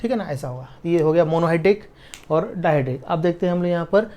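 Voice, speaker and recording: A man teaching a chemistry lesson at a board, dictating notes slowly word by word and checking that students follow, with in the technical terms. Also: on the high side, dark tone. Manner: slow dictation, drawn-out words, frequent checks for understanding.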